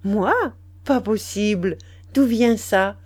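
A sly, composed young wife, voiced by a woman reading aloud. She speaks lightly and a little higher, with a teasing edge. The storybook reading stays slow and measured. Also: darkish tone.

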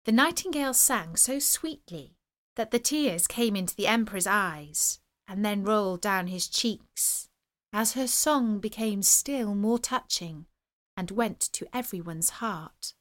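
A woman reading a fairy tale aloud as storyteller, in an expressive, measured way. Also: medium pitch.

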